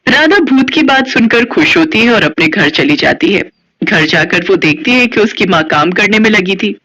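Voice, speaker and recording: A woman narrating a scripted children's story with steady storytelling. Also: medium pitch, normal speed. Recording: dull lo-fi audio.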